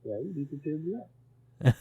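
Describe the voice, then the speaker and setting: A man's voice: on the high side, normal speed, slightly rough. Man on a muffled, cup-like mic. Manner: dry, deadpan replies. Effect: muffled mic, like speaking into a cup. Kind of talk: casual chat on a voice call.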